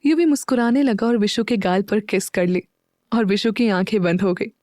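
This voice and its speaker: A woman's voice: mid-range voice, normal speed, a little mellow, no room sound, clean studio sound. Woman narrating a romance audio story. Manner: voices all characters herself.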